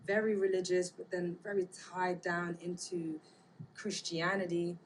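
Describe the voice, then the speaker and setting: Low-pitched woman, thoughtful and halting. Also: flat delivery. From Bermuda. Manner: thoughtful, halting, searching for words. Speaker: interviewee. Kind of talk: casual reflective interview talk. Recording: clear background ambient noise.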